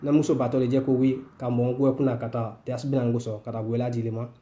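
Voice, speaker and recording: A man's voice: mid-range voice, little pitch movement, quick pace, dark tone, close to an everyday voice. A man voicing a female roadside banana seller who mutters complaints about a customer under her breath. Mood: grumbling.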